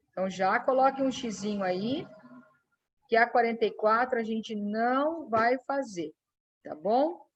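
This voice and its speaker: A woman walks students through an exercise in a recorded class. Her voice sits fairly high, and she explains slowly, checking in often with short questions. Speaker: teacher.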